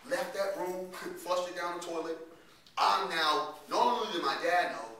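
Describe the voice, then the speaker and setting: Guy telling stories to teens, slangy n animated, bright voice, mic kinda far off. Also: high-pitched, moderate pace, slight background noise. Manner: animated, slangy storytelling with laughs. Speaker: workshop speaker for youth. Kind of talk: storytelling talk to young people. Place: workshop room. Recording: echoey room, distant mic.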